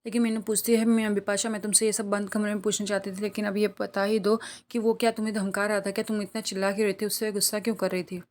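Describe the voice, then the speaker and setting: A woman rattles through a soap-opera recap at a hurried clip. Her pitch barely moves as she relays each character's lines in the same level voice. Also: little pitch movement, a little mellow. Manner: brisk retelling, reads quoted lines in her own plain voice. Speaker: TV serial recap narrator. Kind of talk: rapid plot-recap narration.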